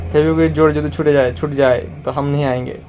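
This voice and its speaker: A man's voice: a little high, steady tone, racing, over music. A man filming a casual home vlog, teasing and coaxing a child in a playful way, often repeating his words. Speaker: vlogger.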